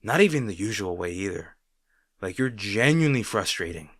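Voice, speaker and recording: A man plays a snarky male supervillain rival in a dramatic roleplay monologue aimed at the listener, secretly worried about his hero. His low, fairly bright voice is animated and recorded very dry with no room sound. Sardonic and teasing, he turns halting when flustered, sounding exasperated yet grudgingly concerned.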